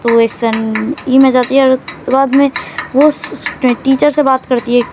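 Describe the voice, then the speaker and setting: A woman's voice: high voice, fairly even intonation, unhurried, noisy background. A woman casually recapping a drama's plot in a loose, rambling way, often correcting herself mid-sentence.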